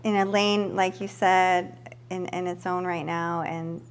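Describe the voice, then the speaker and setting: Encouraging woman host, lower voice. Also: flat delivery, measured pace, clean tone. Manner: affirming, encouraging, laughs often. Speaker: podcast host. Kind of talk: casual interview chat.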